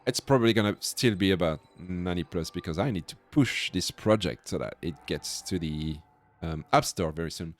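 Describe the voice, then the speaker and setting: Low-pitched man with a French accent. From France. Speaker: host of a coding livestream. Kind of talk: casual livestream chat.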